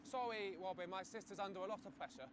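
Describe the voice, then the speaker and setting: An actor playing an aggrieved aristocratic son with an upper-class English accent and a pompous country-squire manner. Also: male voice, sits high, expressive, quick pace, over loud music. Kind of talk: comedy game acting. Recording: very noisy outdoor news report.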